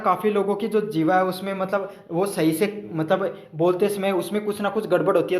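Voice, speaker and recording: A man's voice: high-pitched, echoey room. A male teacher going through exam questions, explaining each answer and checking with the students.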